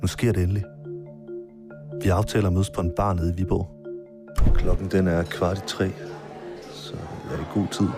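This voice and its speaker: A man narrating his own documentary in the first person, calm and measured. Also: deep voice. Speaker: filmmaker narrator. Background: marimba music.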